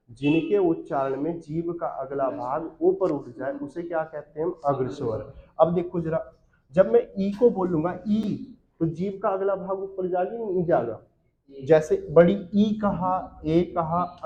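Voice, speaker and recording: A man's voice: on the high side, a little mellow. A male teacher giving an exam-prep grammar lesson, asking questions and answering them himself. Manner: asks and answers his own questions, repeats lists. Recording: muffled lo-fi audio.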